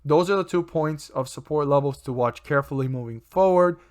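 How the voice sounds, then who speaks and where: A man's voice: fairly high pitch, brisk. Man walking through stock charts. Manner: steady explanatory, addresses investors directly. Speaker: stock market video host. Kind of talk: scripted stock chart commentary.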